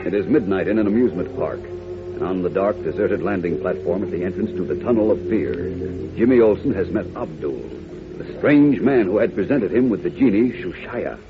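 A man's voice: low-pitched, lively intonation, brisk. A man narrating and announcing a 1940s radio adventure serial in a suspenseful, theatrical manner. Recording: tinny 1940s radio recording with music.

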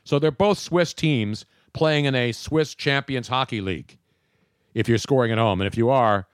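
A man's voice: medium pitch, moderate pace, smooth, dry recording, studio quality. Brash wisecracking male radio host. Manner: brash, wisecracking, digresses freely. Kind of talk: casual sports talk radio banter. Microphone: studio microphone.

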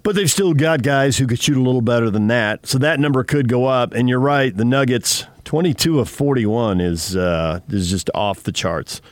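A man's voice: mid-range voice, normal speed, hardly any pauses, no room sound. A man hosting sports radio, talking through games in a conversational commentary style.

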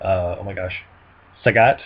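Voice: deep voice, fairly even intonation, moderate pace, over a noisy crowd. Dry-humored podcast co-host, lo-fi sound. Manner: dry, joking, laughs often. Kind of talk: casual movie podcast chat.

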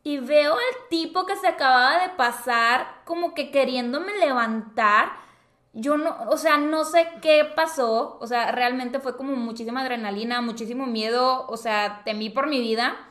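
A young woman talks through a story in a casual podcast chat. She is dramatic and leans on fillers, her voice a touch high. The room echoes around her. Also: normal speed, a bit bright. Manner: chatty, dramatic, many fillers like "o sea" and "tipo". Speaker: podcast co-host. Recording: roomy echo.

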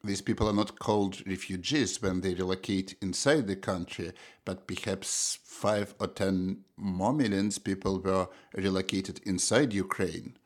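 A middle-aged Russian economist, speaking with a Russian accent, answers interview questions as a guest. He's thoughtful and halting, often restarting, with a deep voice and steady tone.

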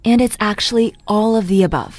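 A woman's voice: medium pitch, brisk, a little mellow, faint music behind. A woman teaching English pronunciation in a patient, step-by-step scripted narration, switching between two languages.

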